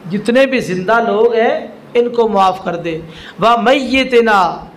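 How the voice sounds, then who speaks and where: Slow high-voiced male preacher. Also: rough recording. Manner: slow, explaining step by step, reciting Arabic then translating. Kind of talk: Quran lesson sermon.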